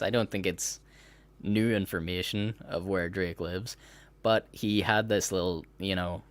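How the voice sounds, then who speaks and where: A man's voice: sits low, fairly bright tone. A man hosting a podcast in casual chat, rambling and laughing as he breaks into mocking impressions. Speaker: podcast host.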